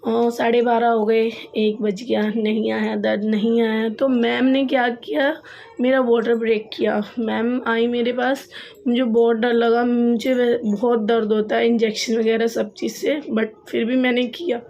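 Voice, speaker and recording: A woman's voice: a little high, flat delivery, a little slow, creaky, darkish tone, lo-fi sound, a little hiss or hum. A young woman vlogger telling a personal story in a chatty way, often repeating phrases for emphasis. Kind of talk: casual storytelling to camera.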